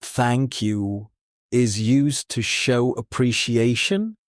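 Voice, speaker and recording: A man calmly leading a relaxation-style language lesson, unhurried and repeating words with pauses, recorded close up. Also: mid-range voice, no echo. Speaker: English teacher and relaxation guide.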